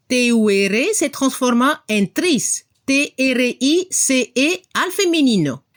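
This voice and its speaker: A woman giving a slow, scripted language lesson, spelling out letters and modeling each word's pronunciation. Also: on the high side. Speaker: language teacher.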